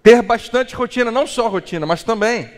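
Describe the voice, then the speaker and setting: A man preaching a sermon as a pastor, animated and acting out small dialogues. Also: very high-pitched, brisk, big-room sound. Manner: animated, acts out little dialogues.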